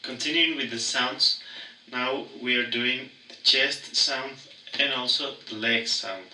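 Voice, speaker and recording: A man giving an instructional demonstration, explaining step by step in a halting way with repeated words. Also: medium pitch, pushed and bright. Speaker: instructor demonstrating body percussion sounds. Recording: echoey room.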